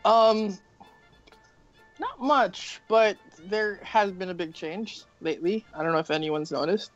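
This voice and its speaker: A man's voice: sits high, unhurried, lo-fi sound, soft background music. A man co-hosting a casual podcast, making self-deprecating jokes. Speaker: podcast co-host.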